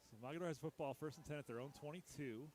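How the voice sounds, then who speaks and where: A man calling a local high school football game play by play, chatty and joking at his own expense, his voice jumping up on big plays. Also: rapid-fire, a little mellow. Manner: jokey, chatty, laughs at himself, rises sharply on big plays. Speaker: play-by-play announcer.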